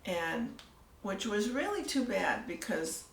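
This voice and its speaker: An older woman telling her story in a casual interview, soft-spoken and trailing off into near-whispers. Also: mid-range voice, very animated, takes it slowly, creaky, slight background noise. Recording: echoey room, mic at a distance, faint ambience.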